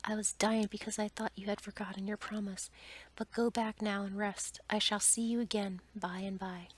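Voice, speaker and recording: Woman whispering as gentle, faint-voiced Beast. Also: mid-range voice, little pitch movement, normal speed, natural voice. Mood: faint, tender. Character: gentle, ugly, lovelorn male beast of fairy tale.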